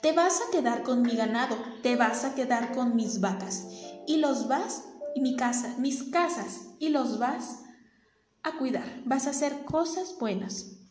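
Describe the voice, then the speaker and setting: A woman voicing an old, kind male farmer who speaks gently and earnestly in a storybook tale. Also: sits high, animated, unhurried. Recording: echoey room with faint music.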